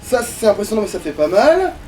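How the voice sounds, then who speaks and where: A streamer narrates gameplay in a very animated, slightly fast and slightly mellow mid-range voice, grumbling and swearing casually throughout. Game music can be heard in the background of the distant-mic recording.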